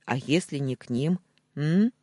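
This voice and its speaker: A man doing a gruff bossy friend. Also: a little high, animated, measured pace, dark tone, no echo, clean studio sound. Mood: scolding. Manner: curt, scolding.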